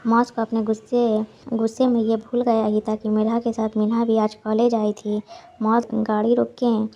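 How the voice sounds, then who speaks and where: A woman storyteller reading a romantic drama aloud in a steady, monotone voice. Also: fairly high pitch, moderate pace, lo-fi sound. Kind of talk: storybook narration.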